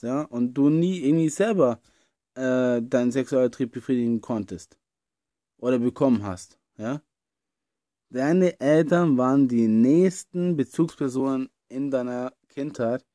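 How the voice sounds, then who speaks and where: A man's voice: medium pitch, mellow, no room sound, studio quality. A man giving an earnest self-help talk, speaking straight to the listener and dropping in many "ja" and "äh" fillers as he goes. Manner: earnest, talks straight to "you", frequent "ja" and "äh". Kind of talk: explanatory monologue addressing the listener.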